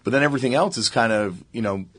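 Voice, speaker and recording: A man in casual chat, telling stories in an excited way with many restarts and fillers. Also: medium pitch, quick pace, no room sound.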